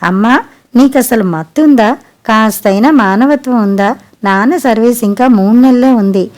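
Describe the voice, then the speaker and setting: A woman's voice: on the high side, moderate pace, a little mellow, close to an everyday voice. A woman voicing a devoted adult daughter in a storybook reading, speaking earnestly and reproachfully. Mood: indignant.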